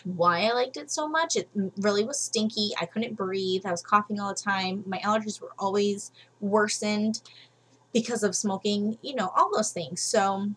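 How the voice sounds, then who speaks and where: Brief: young woman, home vlogger, husky voice, frank and chatty, low-quality webcam sound. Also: moderate pace, fairly bright tone. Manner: chatty, frank, lots of fillers. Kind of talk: casual advice vlog.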